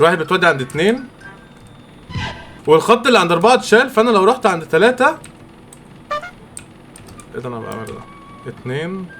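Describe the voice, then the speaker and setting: A young man with an Egyptian accent commentating his own gameplay, excitable and quick to react loudly. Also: mid-range voice. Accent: Egyptian Arabic. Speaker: gamer. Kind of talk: let's-play game commentary.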